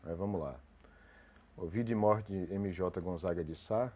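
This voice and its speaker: A man's voice: low voice, moderate pace, warm tone, breathy edge. Congested man hosting a live stream. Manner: rambling, with restarts and frequent "né?". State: congested from a cold. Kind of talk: casual live chat, greeting viewers.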